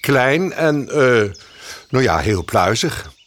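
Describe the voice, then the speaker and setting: A man voicing a cheeky male mockingbird in a children's audio story, with a high, teasing voice. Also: big pitch swings, takes it slowly, a bit bright.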